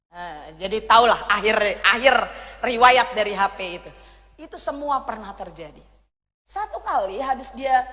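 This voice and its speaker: A woman in her thirties preaching a sermon, telling a personal story in a lively way and acting out her own pleas. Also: high voice. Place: church hall. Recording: long church hall reverb.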